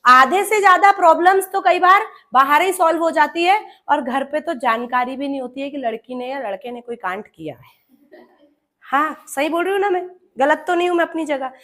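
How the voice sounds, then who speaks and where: A high-pitched woman teaching an English grammar class. She speaks to her students in a familiar way, calling them "beta," and turns grammar words into little characters who talk to each other. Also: animated, normal speed, bright, forceful tone. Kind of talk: classroom lesson.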